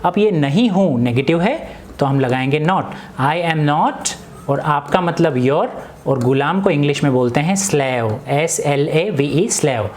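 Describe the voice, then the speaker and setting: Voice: medium pitch, animated, takes it slowly, slight background noise. An English teacher explaining grammar in Hindi, asking questions and answering them himself, with repetition drills.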